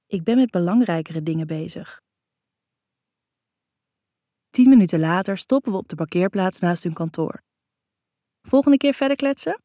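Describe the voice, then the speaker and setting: A woman's voice: lowish voice, normal speed, pauses often, warm tone, no echo, studio quality. A woman narrating a first-person novel in an intimate, reflective way. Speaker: audiobook narrator.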